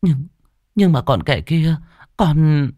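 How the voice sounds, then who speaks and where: A man's voice: on the high side, expressive, takes it slowly, mellow, no echo, pitched above the performer's own voice. A frightened young village girl, as a male storyteller puts her on, stammering through tears in a raised voice. Her words break and repeat. The audio is dry and close, with faint music beneath. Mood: stammering tearful. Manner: stammering, sobbing.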